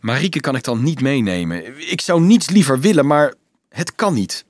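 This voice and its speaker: A man's voice: mid-range voice, expressive, normal speed, no room sound, pitched above the performer's own voice, lightly acted. A troubled young hero in a read-aloud storybook, urgent and anxious, his voice rising and falling widely, as a male narrator puts him on. The sound is dry and close. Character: anxious young man searching for his father.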